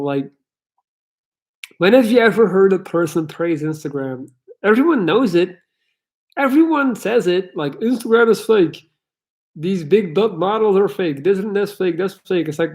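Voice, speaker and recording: A Belgian man with an American-sounding English accent hosts a casual live Q&A from his parents' house, answering chat questions bluntly and candidly and swearing freely. His voice is on the high side and a little mellow.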